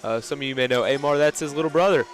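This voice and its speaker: A man's voice: a little high, racing, soft background music. A young man giving casual basketball color commentary, with chatty analysis full of filler words. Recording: noisy gym ambience. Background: gym crowd and bouncing basketballs.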